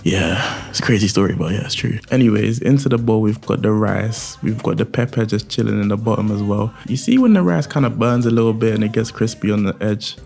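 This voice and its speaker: A man's voice: on the low side, a little fast, creaky, few pauses, a little mellow. A young man, cooking in a home kitchen and chatting in a playful, jokey, slangy way. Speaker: cooking vlogger. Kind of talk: casual cooking vlog.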